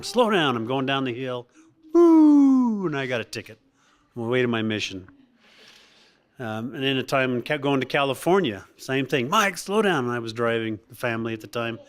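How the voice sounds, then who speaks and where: A middle-aged man giving a halting, reminiscing tribute to his mother at a family birthday gathering, with many restarts and laughs. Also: medium pitch, a bit bright, smooth.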